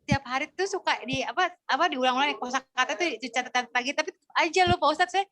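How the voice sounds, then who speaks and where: A woman's voice: high-pitched, quick pace, background noise. A woman with an Indonesian accent, a student eagerly asking her teacher questions during an online class.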